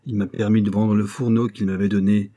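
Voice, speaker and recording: A man's voice: on the low side, little pitch movement, a little fast, mellow, lightly acted. A man voicing a cocky young male street rascal in an audiobook, grumbling and indignant in slangy speech. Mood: wheedling.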